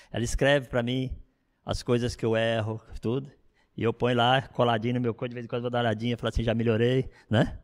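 Preaching with lively, chatty energy, this middle-aged male pastor keeps tossing asides to his congregation. He speaks in a mid-range voice, and the recording has a long reverb tail.

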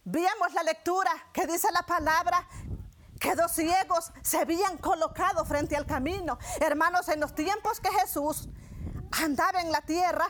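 A woman's voice: extremely high pitch, a bit bright, a little hiss or hum. A woman preaching a sermon, addressing the congregation as brothers and often repeating phrases with tag questions. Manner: frequent "¿verdad?" and "hermanos" fillers, repeating phrases.

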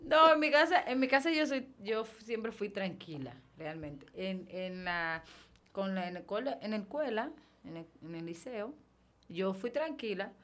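A woman talks in a relaxed chat as a guest, giggling often and poking fun at herself. Her voice sits at a middle pitch. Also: a little slow. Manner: giggly, self-deprecating. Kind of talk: casual chat.

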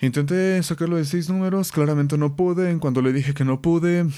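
A man's voice: a little high, fairly even intonation, moderate pace, warm tone, smooth. A young man with a Mexican accent hosting a podcast, telling stories in a slangy, joking rant. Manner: slangy, joking, laughs often. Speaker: podcast host. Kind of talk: casual storytelling rant.

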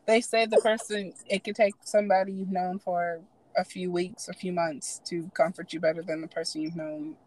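A woman's voice: on the low side, level tone, moderate pace, a little mellow, poor audio. A woman chatting casually as a supportive listener who agrees and reassures. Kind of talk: casual chat.

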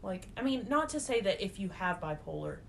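A woman in her twenties co-hosting a podcast, talking in an indignant, animated way. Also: medium pitch, brisk, vocal fry. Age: 20s. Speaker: podcast co-host. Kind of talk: casual chat. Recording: faint background noise.

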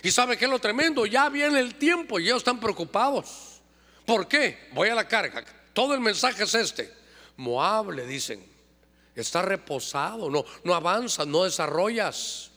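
A man's voice: high voice, sing-song, unhurried, bright, forceful tone. A middle-aged man preaching a sermon as pastor, calling out to the congregation and drawing them into call-and-response. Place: church. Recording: long church-hall reverb.

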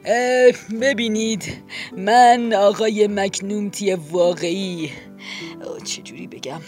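A woman voicing a gentle old male grizzly bear posing as a neighbour, speaking slowly, softly and hesitantly. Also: mid-range voice, steady tone, faint music behind, natural voice. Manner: slow, soft and hesitant.

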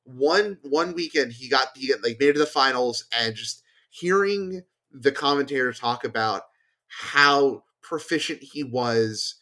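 A man's voice: medium pitch, lively intonation, a little slow, pushed and bright. A man, a podcast guest, talking casually about a card game and thinking aloud with many fillers and restarts. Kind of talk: casual chat.

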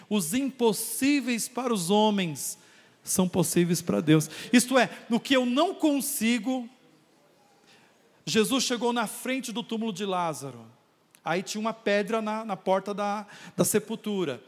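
A man preaching a sermon as pastor, calling on the congregation to raise their hands and answer back. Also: sits high. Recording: long reverb of a church hall.

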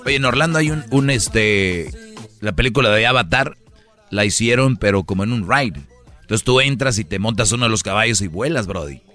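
A man's voice: lowish voice, expressive, normal speed, pushed and bright, faint music behind. A man co-hosting a radio show, talking in enthusiastic slang.

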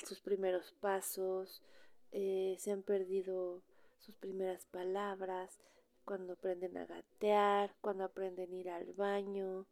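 A woman's voice: mid-range voice, no room sound. A middle-aged woman with a Mexican accent, chatting casually to other wives and often dropping into a whisper. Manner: chatty, animated, drops into whispers. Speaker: trucker's wife sharing experiences.

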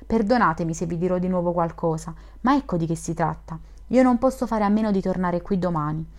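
A woman's voice: fairly low pitch, fairly quick, a little mellow, close to an everyday voice. Woman reading as an earnest young dreamer. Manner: earnest, gushing. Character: young male dreamer, shy and effusive. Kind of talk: audiobook reading of a classic novel.

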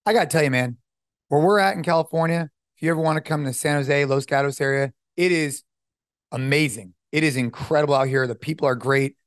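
A man's voice: a little high, a little fast, no echo, studio quality. A middle-aged man hosting a podcast, talking casually and upbeat, often saying dude and man. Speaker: podcast host. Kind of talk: casual chat.

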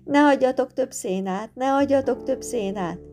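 A woman voicing a tiny, brave and cheeky boy in a storybook reading, with guitar music behind. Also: lightly acted. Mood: yelling. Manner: shrill shouting.

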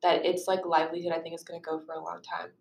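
A young woman co-hosting a podcast, talking in a relaxed, measured way with many fillers. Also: lowish voice, vocal fry, roomy sound. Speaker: podcast co-host. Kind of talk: casual podcast chat.

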